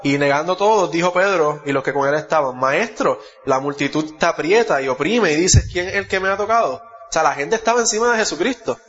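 A man's voice: fairly high pitch, expressive, a little fast, hardly any pauses, a bit bright. A man with a Puerto Rican Spanish accent preaching a sermon, reading Bible verses aloud and correcting himself as he goes. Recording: muffled echoey hall.

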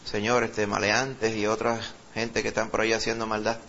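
A male pastor with a Puerto Rican accent who leads a sermon, reads scripture slowly with rising emphasis, and prays fervently, repeating "Señor" and "Padre". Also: lowish voice, monotone, fairly bright tone, dull audio, slight background noise. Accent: Puerto Rican Spanish. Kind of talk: sermon with scripture reading and prayer.

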